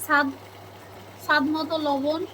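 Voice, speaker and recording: A woman narrating a cooking video step by step, calmly addressing viewers as friends. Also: high-pitched, a little slow, a little hiss or hum. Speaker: cooking channel host.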